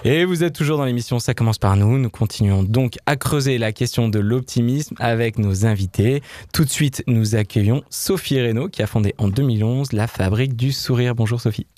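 Mellow-voiced male show host. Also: mid-range voice, fairly quick, hardly any pauses, no echo. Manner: relaxed, conversational, slight hesitations. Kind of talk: hosting an interview show.

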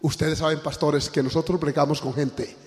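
An older man preaches a sermon with fervor, his somewhat high voice leaping from loud exclamations down to low, weighty phrases. The sound carries a long reverb, as in a large hall. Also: flat delivery, moderate pace. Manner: impassioned preaching, swings from loud exclamations to low emphatic tones. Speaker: pastor.

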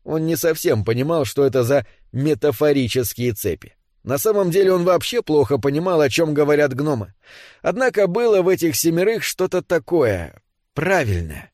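A man narrating a storybook in an expressive, measured manner. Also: a little high, no room sound, clean studio sound. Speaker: audiobook narrator.

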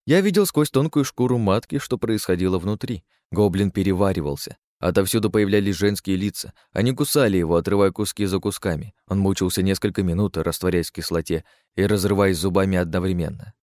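Male audiobook narrator, low voice, dry close sound, sardonic crude first-person telling. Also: brisk, few pauses, a little mellow, no room sound.

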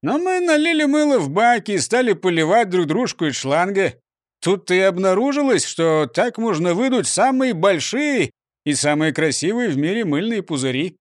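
A man's voice: sits high, sing-song, moderate pace, no room sound, clean studio sound. A man voicing an earnest male fireman who explains himself at length, read as a storybook. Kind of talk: storybook reading.

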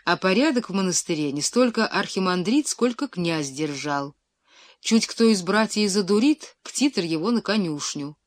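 Woman narrator, audiobook, steady expressive reading, dead dry sound. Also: medium pitch, no room sound. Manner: measured, expressive storytelling. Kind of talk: scripted literary narration.

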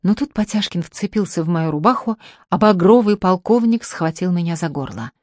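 A woman narrates a novel as an audiobook in a steady, measured, dramatic way. Her voice sits on the low side. The recording is dry and close, with no room sound. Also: no echo. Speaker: audiobook reader.

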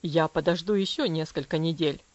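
A woman doing a cold, stern low-voiced father. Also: darkish tone, no room sound, lo-fi sound, lightly acted. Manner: cold, commanding, measured. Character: stern cold father, strict then tender.

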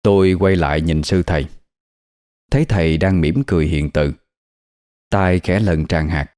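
Deep mellow male horror narrator. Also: no room sound, studio quality. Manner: measured, steady storytelling. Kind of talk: scripted horror story narration.

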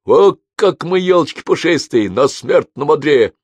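A man voicing a loud, cocky grown son who mocks and jokes. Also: on the high side, lively intonation, unhurried, dry recording, studio quality, voice pushed up. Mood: rowdy. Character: brash, boisterous grown son, joker.

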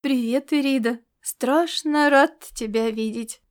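A woman voicing a stubborn male hero from Earth, speaking lower and slower. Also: close to an everyday voice. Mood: tender.

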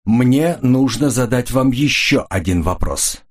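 A man voicing a sharp, domineering young woman who interrogates and shouts in an audiobook. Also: mid-range voice, sing-song, moderate pace, husky, pitched above the performer's own voice. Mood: curt. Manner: curt, shouting.

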